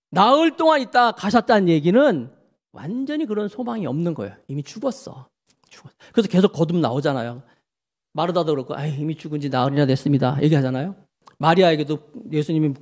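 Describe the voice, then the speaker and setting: Pastor guy preaching, fairly high voice that swoops up and down, keeps quizzing the congregation. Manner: animated, asks the congregation questions; acts out people's words in quotes. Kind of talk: sermon.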